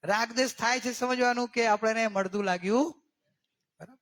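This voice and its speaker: A man giving a religious discourse as a spiritual teacher. He keeps checking in with his listeners and draws key words out slowly for emphasis. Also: very high-pitched, a bit bright. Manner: questioning, coaxing listeners with repeated checks.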